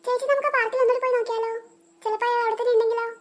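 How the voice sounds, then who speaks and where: A woman's voice: extremely high pitch, level tone, racing. A woman voicing a curious younger girl, a little sister, in a cartoon, eager and inquisitive. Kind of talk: cartoon voice acting.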